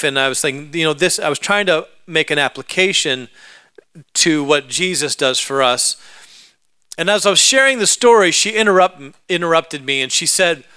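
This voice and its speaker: Male preacher, storytelling sermon, bright crisp voice, dry close sound. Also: on the high side, no room sound. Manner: conversational, building to emphatic preaching.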